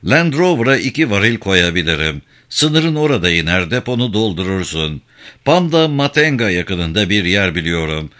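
A male narrator doing a driven, restless man laying out a plan in a spoken story. He keeps close to his own fairly low voice, with a bright, lively tone. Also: normal speed. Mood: planning.

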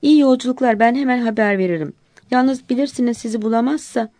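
A man's voice: very high voice, fast, a little mellow, dry recording, clean studio sound. Woman narrator doing a courteous, obliging male aide. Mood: polite. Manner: polite, formal. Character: dutiful male assistant.

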